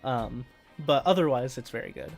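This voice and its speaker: A man running a tabletop game, talking in a relaxed way with plenty of "uh"s and "like"s. His voice sits at a middle pitch, with faint music underneath. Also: moderate pace, gravelly. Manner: relaxed narration with many fillers. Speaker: game master.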